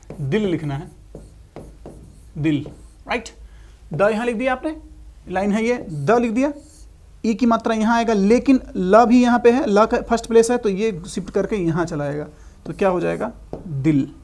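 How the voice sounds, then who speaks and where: A man's voice: high-pitched, moderate pace, long pauses, darkish tone. Guy teaching shorthand, spells each word out bit by bit, keeps saying okay. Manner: spells out words syllable by syllable, repeating them; patient, explanatory, checks in with "ठीक है". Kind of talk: classroom lesson.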